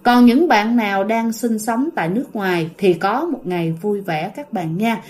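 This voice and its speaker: A woman's voice: mid-range voice, moderate pace. A woman telling a ghost story in a chatty, casual way, often talking straight to her listeners. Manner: chatty, addresses listeners directly, animated when telling scary parts.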